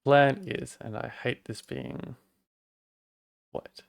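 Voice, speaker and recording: This Australian streamer talks slowly in a gravelly, mid-range voice, rambling casually and making fun of himself while he works on and shows off his setup during a live-stream tech walkthrough. The sound is clean studio audio with no room sound.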